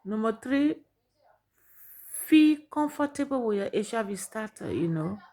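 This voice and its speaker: A woman's voice: fairly high pitch, very animated, unhurried, warm tone. A middle-aged woman with a Liberian accent, sharing her personal story and giving earnest advice, repeating points for emphasis.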